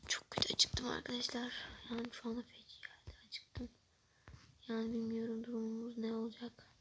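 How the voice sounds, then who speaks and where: A woman plays a hungry, fretful young diner who keeps confiding in the viewers. Her voice sits a bit high and has a light creak, and she often drops to a hushed aside. This is a toy role-play narration. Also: fairly even intonation, quick pace, noisy background. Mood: whispered fretting. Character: flustered young woman waiting for food at a restaurant, hungry and stressed.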